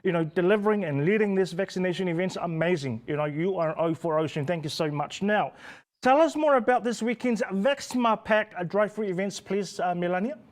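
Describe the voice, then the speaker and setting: Male talk-show host, New Zealand Pacific accent, high-pitched, measured scripted welcomes. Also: animated. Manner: formal, welcoming, scripted-sounding intros. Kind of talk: community health talk show hosting.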